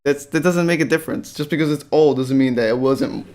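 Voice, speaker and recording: A man's voice: fairly high pitch, brisk, a little mellow. A man hosting a reaction video, ranting in a profane, exasperated and mocking way. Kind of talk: ranting commentary.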